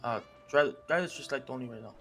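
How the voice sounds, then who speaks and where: A man's voice: mid-range voice, fast, fairly bright tone. A man in casual role-play chat, hesitant and repeating his words.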